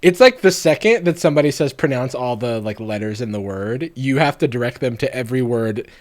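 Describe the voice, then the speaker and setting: A man's voice: medium pitch, expressive, a little fast. A man streaming a reaction to a TV show, casually chatting with sarcastic, incredulous commentary.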